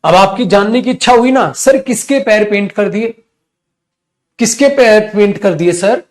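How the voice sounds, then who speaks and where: High-voiced Indian man teaching grammar. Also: a little slow. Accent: Indian English. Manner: coaxing, calls students beta, asks and answers his own questions. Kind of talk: live online class lecture.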